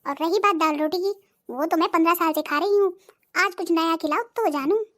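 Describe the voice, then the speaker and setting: A voice artist playing a bossy, sharp-tongued middle-aged cartoon wife who nags and threatens. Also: very high-pitched, a little fast. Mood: scolding. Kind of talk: cartoon voice acting.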